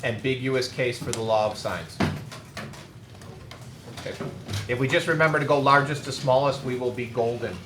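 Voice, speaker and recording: Brief: man teaching math, brisk and wry, echoey classroom with faint hiss. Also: medium pitch. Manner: brisk, teasing, direct. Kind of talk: classroom lecture.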